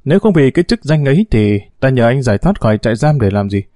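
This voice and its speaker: A man's voice: medium pitch, very animated, fast talker, warm tone, dry recording, studio quality, natural voice. A man voicing a scheming, domineering female gang boss who talks with a sneer in a storybook reading. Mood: scornful. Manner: sneering, swaggering talk.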